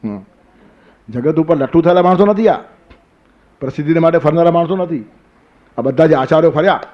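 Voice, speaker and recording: A man's voice: on the high side, lo-fi sound. An older man giving a spiritual discourse, telling stories, asking rhetorical questions and quoting verses. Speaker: spiritual teacher. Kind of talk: Gita discourse sermon.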